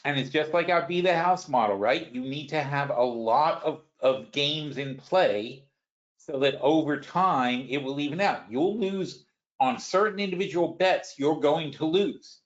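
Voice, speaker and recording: A man's voice: a little high, a little slow, highs cut off. A man hosting a stock market webinar, explaining finance in a rambling way with frequent restarts and worked examples. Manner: rambling, restarts often, talks through examples. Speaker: webinar host.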